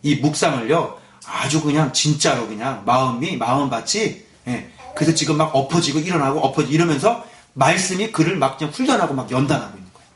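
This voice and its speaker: A man's voice: a little high, expressive, fairly quick, reverberant. A male pastor giving a Sunday morning sermon in a church, firing rhetorical questions at the congregation. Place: church sanctuary.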